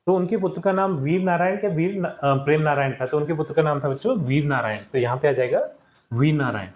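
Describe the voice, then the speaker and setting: A man's voice: fairly high pitch, fast, a little mellow, echoey room. A male teacher patiently walking children through answers step by step in a classroom lesson. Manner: patient, explains step by step, often addresses children.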